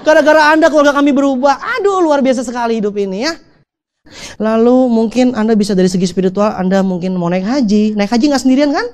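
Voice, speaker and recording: A man giving an animated motivational seminar talk, joking with the audience and acting out little dialogues in changing voices. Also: very high voice, quick pace. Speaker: motivational speaker.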